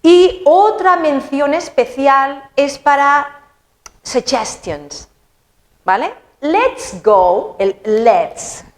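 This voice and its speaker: Lively slow-talking woman teacher. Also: high-pitched. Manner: animated, chatty, playful. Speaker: English teacher. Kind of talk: explaining English grammar.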